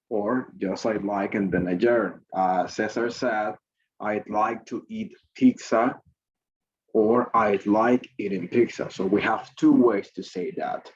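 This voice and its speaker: A man's voice: on the low side, highs cut off, a little hiss or hum. A male English teacher running an online class, repeating points and prompting students with questions over a video call.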